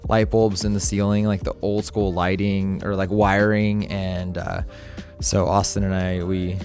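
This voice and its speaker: Rambling male vlog narrator, low voice. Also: little pitch movement, a little slow, darkish tone, soft background music. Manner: rambling, with many fillers and restarts. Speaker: vlog host. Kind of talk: reflective voice-over narration.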